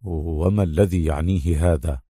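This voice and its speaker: A man voicing a puzzled male restaurant henchman, speaking low and hushed. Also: normal speed, no echo, clean studio sound.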